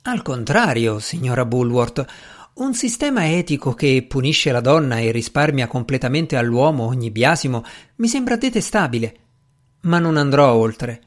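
A man reading aloud voices a reserved gentleman magician, curt and measured in his speech. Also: medium pitch, big pitch swings, close to an everyday voice. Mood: firm. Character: brusque reserved gentleman magician, cool and dry.

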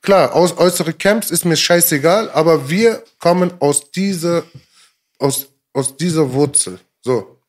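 A man's voice: on the high side, unhurried. A man, a rapper guest in a casual interview, who talks emphatically in street slang, repeats himself and keeps checking in with his listener.

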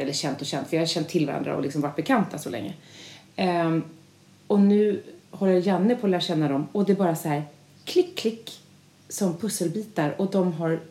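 A woman co-hosting a podcast, telling stories in an animated, chatty way. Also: lowish voice. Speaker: podcast co-host. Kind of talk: casual chat. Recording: roomy echo.

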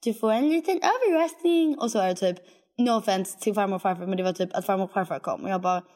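A young woman chatting casually as a podcast co-host, excitable and quick to cut in, mixing in English phrases. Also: on the low side. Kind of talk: casual chat.

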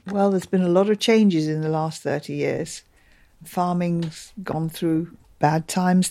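A woman's voice: fairly low pitch, warm tone, no echo, studio quality. A middle-aged or older woman explaining things conversationally, as a farmer.

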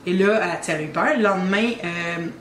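A woman's voice: on the low side, fast talker. Québécois woman telling a ghost story. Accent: Québécois French. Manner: animated storyteller, teasing suspense. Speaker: guest telling her story. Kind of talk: casual podcast storytelling. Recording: roomy with faint ambient noise.

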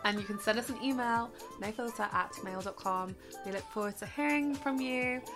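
A woman's voice: fairly high pitch, moderate pace, over music. A sleepy young woman, co-hosting a podcast in casual, rambling chat full of fillers. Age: young adult. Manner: chatty, rambling with many fillers. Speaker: podcast co-host.

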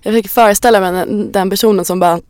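A woman's voice: medium pitch, steady tone, a little mellow, no echo. Chatty young woman, dry close sound. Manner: chatty, swearing, many fillers and restarts. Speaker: podcast co-host. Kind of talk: casual chat.

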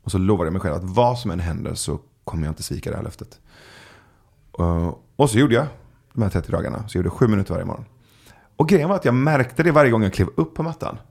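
A man chatting as a podcast guest, telling stories in a relaxed way with many filler sounds. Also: on the low side, gravelly, husky. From Sweden. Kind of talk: casual storytelling chat.

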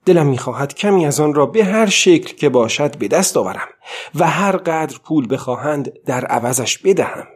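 A man's voice: on the high side, lively intonation, husky. A man voicing an exhausted, stubborn old fisherman alone at sea in an audiobook, talking to himself between weary murmurs and defiant outbursts. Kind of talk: audiobook reading.

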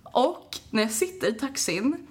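A young woman co-hosting a casual chat, telling a story in an animated way, laughing and acting out the voices of other people. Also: a little high. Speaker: co-host.

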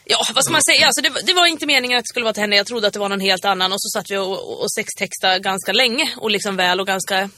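A woman podcaster with a hoarse voice, talking fast and loosely in a casual chat. Her tone is bright and pushed forward, and the sound is dry with no room around it. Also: mid-range voice, no room sound. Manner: quick, chatty, bursts into laughter. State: hoarse from laughing. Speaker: podcast co-host.

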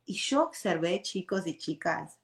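A woman's voice: fairly low pitch, unhurried, gravelly. A woman in her forties with an Argentine Spanish accent, hosting a casual personal talk, often checking in with "ok?" and mixing in English words. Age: 40s. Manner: expressive, tags sentences with "¿ok?", drops in English words. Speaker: show host. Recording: roomy echo.

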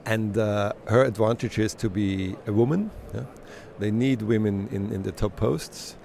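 A male journalist giving an analytical answer in English, measured and deliberate. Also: fairly low pitch, gravelly, darkish tone, a little hiss or hum. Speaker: foreign journalist. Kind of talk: interview answers.

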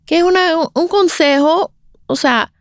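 Casting note: woman, 40s, lively storyteller in an interview, dry close sound. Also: extremely high pitch, a little slow, no room sound. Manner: animated, acts out quoted voices. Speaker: guest speaker on breastfeeding.

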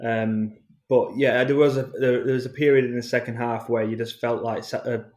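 A man, a guest on a football podcast, giving measured analysis. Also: medium pitch. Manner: measured, even-toned analysis. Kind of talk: casual football podcast chat.

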